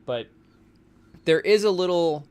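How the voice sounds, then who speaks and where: A young man co-hosts a podcast on a live stream, using a studio mic and chatting casually about basketball to a live chat. He rambles loosely, full of fillers and asides. His high voice has lively intonation and a slow pace, and it sounds a little mellow, clear and resonant.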